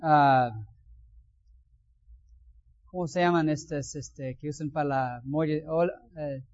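Brief: male pastor, high voice, reads scripture and adds homely asides, dull recording. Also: fairly even intonation, takes it slowly, a little mellow. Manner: reads scripture aloud, then comments with folksy asides. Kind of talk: Bible reading and sermon. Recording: dull lo-fi sound.

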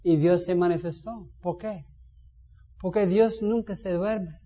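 A man's voice: high voice, slow, dark tone. A man preaching a sermon, telling the story vividly and putting direct questions to his listeners. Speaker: pastor. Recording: dull sound in long reverb.

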